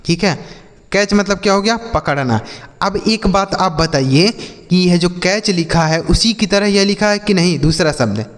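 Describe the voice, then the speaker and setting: Brief: male phonics teacher, high voice, asks questions and answers them, long reverb. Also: moderate pace. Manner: explains step by step, repeats his own questions and answers them; addresses students as kids and brother. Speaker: English teacher. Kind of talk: classroom-style phonics lesson.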